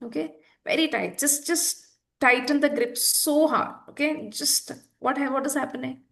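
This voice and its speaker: Woman, high voice, earnest practitioner who leans on repetition. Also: moderate pace, creaky, a bit bright. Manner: earnest, repeats words for emphasis. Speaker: EFT practitioner guest. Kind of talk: conversational explanation.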